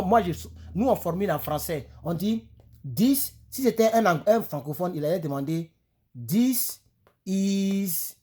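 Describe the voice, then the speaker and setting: A French-speaking man talks through an English lesson into a phone set up right in front of him, his voice sitting a little high for a man. He rambles, repeats himself, and keeps saying "voilà" and "ok". He drags out each English phrase word by word. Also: dark tone, breathy edge. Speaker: English teacher. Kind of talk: casual lesson talk. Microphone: phone camera close in front.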